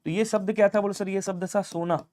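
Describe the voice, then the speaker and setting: A man teaches a live online lesson for exam candidates. He keeps urging viewers to comment quickly and asks questions that he then answers himself. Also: high voice, fairly even intonation, a little mellow. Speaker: Hindi teacher for police exam prep.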